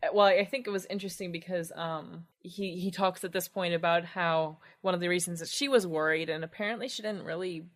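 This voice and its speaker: A woman's voice: lowish voice, steady tone, brisk, few pauses. A woman co-hosting a podcast, retelling a story in a chatty, wry way. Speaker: podcast co-host. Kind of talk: casual chat.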